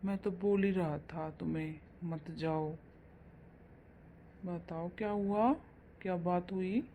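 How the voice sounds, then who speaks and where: A woman voicing a gentle, concerned young husband in a cartoon, speaking softly and with worry. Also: fairly low pitch, steady tone, slow pace, phone-quality sound, a little hiss or hum, pitched below the performer's own voice. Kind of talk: cartoon voice acting.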